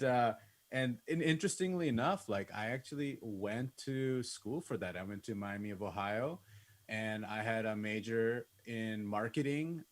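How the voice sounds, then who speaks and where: Speaking at a medium pitch, a man in his thirties from Bangladesh tells an online class about his life in a casual, conversational way. He's a musician and music producer giving a masterclass from indoors on a video call, his speech peppered with "like" and "you know."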